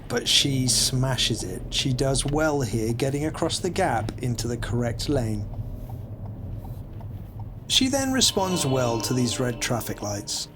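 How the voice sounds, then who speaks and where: A man's voice: medium pitch, very animated, takes it slowly. A man narrating a mock driving test as an instructor, in an explanatory, evaluative voice-over. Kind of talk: scripted voice-over commentary. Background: music under the voice.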